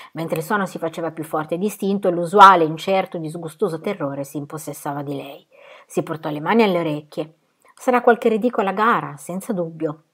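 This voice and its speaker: Lower-voiced woman reading a novel aloud. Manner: expressive, shouts out quoted cries and drops to a whisper for tense moments. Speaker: audiobook reader.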